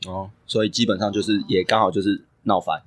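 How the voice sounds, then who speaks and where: Husky low-voiced man. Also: fairly even intonation. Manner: chimes in with quick agreeing remarks. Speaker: podcast co-host, coach. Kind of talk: casual podcast chat.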